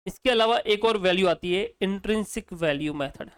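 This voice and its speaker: A man's voice: high voice, fairly quick, fairly bright tone, smooth, no room sound. A male accounting teacher, lecturing casually and quizzing students with repeated questions. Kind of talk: exam-prep lecture.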